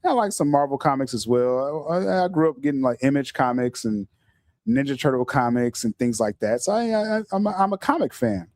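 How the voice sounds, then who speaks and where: A middle-aged man hosts a casual podcast livestream, speaking animatedly, tripping over repeated words and laughing often. His voice sits at a medium pitch, and the studio-quality audio has no echo.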